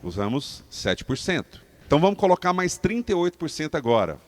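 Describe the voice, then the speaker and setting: Animated Brazilian man giving a talk. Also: fairly high pitch, fairly quick. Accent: Brazilian Portuguese. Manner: animated, emphatic, asks the audience questions. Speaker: speaker on public speaking for leaders. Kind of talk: live talk to a seated audience. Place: training room with a live audience.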